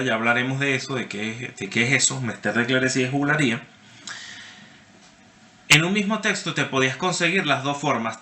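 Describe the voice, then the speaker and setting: Bright-voiced man lecturing in a roomy echo. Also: mid-range voice. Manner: explanatory, checks understanding with frequent "¿sí?"; addresses students by name. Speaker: university lecturer. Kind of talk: online class lecture.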